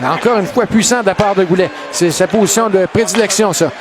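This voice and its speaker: High-voiced Quebec man, excited sports commentary. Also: fast. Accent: Quebec French. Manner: excited, shouted calls of shots and goals. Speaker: play-by-play hockey commentator. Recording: noisy arena, loud crowd behind. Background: loud crowd and rink noise.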